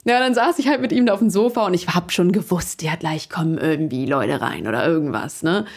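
Young woman, interview guest: casual, animated, laughing storyteller. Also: lowish voice, fairly quick. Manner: chatty and lively, many fillers, laughs while telling. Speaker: guest, singer.

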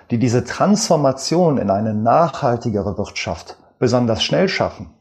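A man with a Rhineland German accent appears as a guest expert in an interview, answering in a measured, explanatory way with lots of fillers. His voice sits in the mid range and has a darkish tone.

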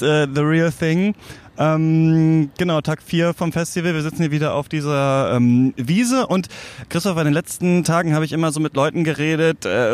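Ein Mann plaudert als Gastgeber unter freiem Himmel, die Aufnahme ist übersteuert und clippt. Er spricht entspannt und ungezwungen, setzt oft neu an. Die Stimmlage ist leicht erhöht. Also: male voice, fairly high pitch. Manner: relaxed, chatty, many fillers and restarts. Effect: clipping, distorted mic. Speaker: podcast host. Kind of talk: casual chat. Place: outdoors on a lawn at a festival.

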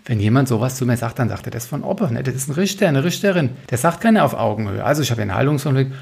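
Guy doing conflict coaching, rattles along quick, blunt and slangy, bit of fry in the voice. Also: medium pitch, animated, a little mellow. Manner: colloquial, blunt, with frequent "ne?" tags. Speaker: communication coach.

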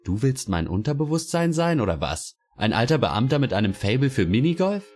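A man's voice: fairly low pitch, a little fast, a little mellow, close to an everyday voice. A man voicing a blunt, irritated young woman in a spoken story.

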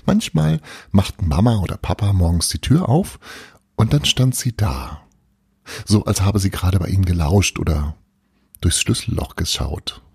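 A man reading a children's story aloud, expressive, with sound words and hushed suspense. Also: low-pitched, normal speed, creaky, breathy edge, dry recording, clean studio sound. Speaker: narrator.

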